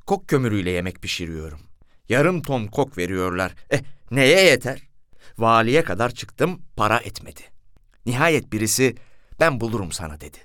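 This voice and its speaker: A small, grumbling cook, as an audiobook narrator acts him out rambles on in a lively, uneven voice. He sounds aggrieved and chatty in the storybook scene. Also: lowish voice, normal speed, no echo, studio quality. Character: small aggrieved cook who runs an eatery.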